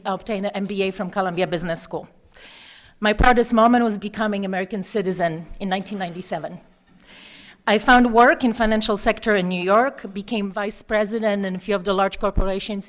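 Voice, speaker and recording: Woman, Polish accent, candidate, earnest, prepared statement, some fillers. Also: medium pitch. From Poland. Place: meeting hall.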